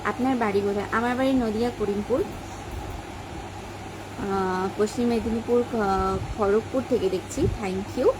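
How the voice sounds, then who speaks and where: A woman's voice: medium pitch, moderate pace, pauses often, noisy background. A woman hosting a casual live stream, chatting away and greeting viewers by name as she reads their comments aloud. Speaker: livestream host.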